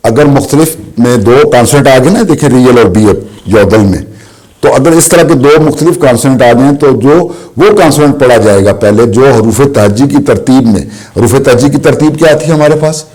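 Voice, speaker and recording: A man teaching a language lesson, explaining slowly and asking questions he answers himself. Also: mid-range voice, lively intonation, a little mellow. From Pakistan. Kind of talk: classroom lesson.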